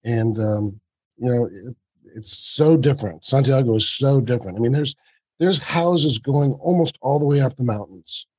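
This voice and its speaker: Man, host, relaxed conversational questions, warm mellow tone, dry room. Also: medium pitch, moderate pace, husky, no room sound. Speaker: interviewer, host. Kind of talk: casual chat, interview.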